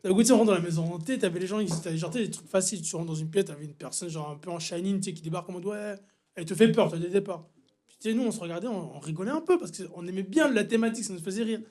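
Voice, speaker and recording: A man's voice: high-pitched, racing. A young man with a Swiss French accent, co-hosting a podcast and telling a funny story in casual chat, laughing as he goes. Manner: animated storytelling, laughing through it. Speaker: podcast co-host.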